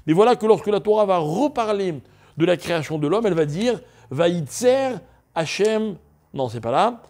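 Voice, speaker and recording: A middle-aged rabbi gives a Torah lesson in an animated way, his fairly high voice leaping up and down. He keeps asking his listeners questions and weaves Hebrew words into his explanations. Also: brisk. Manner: animated, asks the audience questions, spells out Hebrew letters; mixes Hebrew terms into French. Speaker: rabbi teaching a Torah class. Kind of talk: lively Torah lesson to a live audience.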